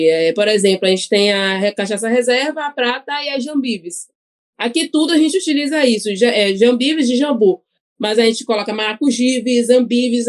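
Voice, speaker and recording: Woman, Bahian accent, slightly high pitch, chatty, laughs a lot, casual podcast talk. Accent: Bahian Portuguese. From Bahia, Brazil. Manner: chatty, laughs often, frequent tag questions. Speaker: podcast guest, cachaça ambassador. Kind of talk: casual chat.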